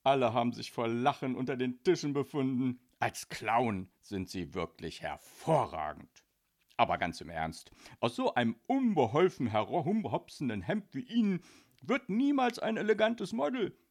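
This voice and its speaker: A man doing a loud, snooty fashion boss. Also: mid-range voice, sing-song, moderate pace. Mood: sneering. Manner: loud, haughty sneering.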